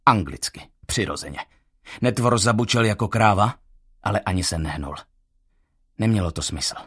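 A man reading a first-person audiobook in a measured, tense storytelling manner. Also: lowish voice, fairly bright tone, slightly rough. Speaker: audiobook narrator.

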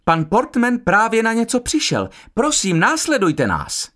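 A man voicing a brisk, theatrical elderly headmistress in a high put-on voice in an audiobook. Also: wildly swooping pitch, a bit bright, exaggerated voice. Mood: excited.

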